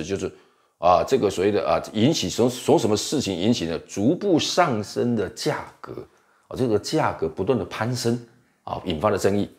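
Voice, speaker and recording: Low-voiced man teaching English vocabulary. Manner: explains in Mandarin, reads English slowly and spells words out. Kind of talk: vocabulary lesson.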